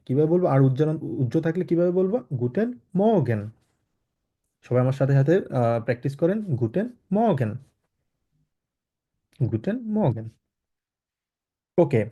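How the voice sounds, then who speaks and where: A man's voice: medium pitch, warm tone. A man from Bangladesh teaching a German class online, explaining patiently with many fillers and mixing in English and German words. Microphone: video call. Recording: dull lo-fi online call audio.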